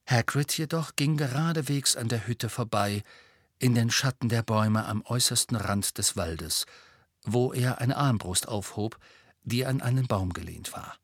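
A man reads a story aloud in a steady, measured narrating voice of middle pitch. The sound is close and dry, with no room around it. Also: husky, dry recording. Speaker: audiobook narrator. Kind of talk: scripted narration.

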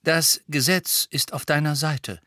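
A man voicing a calm, soft-spoken male wizard in an audiobook. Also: on the high side, no room sound, clean studio sound, pitched above the performer's own voice. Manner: quiet, measured.

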